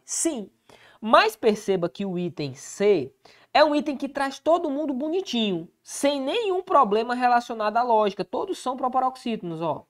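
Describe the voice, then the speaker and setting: A Brazilian woman teaching an exam-prep lesson, checking in often with quick rhetorical questions. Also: mid-range voice.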